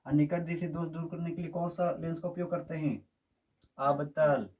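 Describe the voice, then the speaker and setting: A man's voice: fairly high pitch, steady tone, normal speed, darkish tone. A man teaching a physics lesson, constantly asking his students questions and checking that they follow. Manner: quizzes students with repeated questions and checks understanding. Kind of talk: classroom lecture. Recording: voice from a distance.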